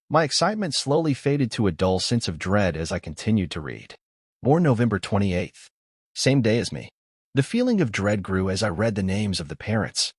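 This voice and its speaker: A man reading a scripted horror story aloud as narrator, with a lively, expressive delivery. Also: lowish voice, breathy edge, no room sound, studio quality.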